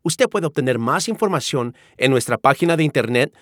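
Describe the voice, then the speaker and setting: A male announcer reading a scripted closing announcement for the church in an even manner. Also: mid-range voice, brisk, no echo, clean studio sound. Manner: even, read-aloud delivery.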